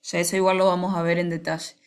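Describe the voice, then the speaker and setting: Woman teacher, slightly low and gravelly voice, patient explainer. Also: level tone, a little mellow. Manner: patient, slows down on examples. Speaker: English teacher. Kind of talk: explaining grammar to students.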